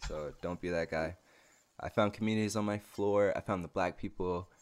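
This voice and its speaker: A man's voice: deep voice, steady tone, normal speed, smooth. A young man and podcast co-host, chatting casually with slang, laughing often and blunt. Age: young adult. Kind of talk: casual chat.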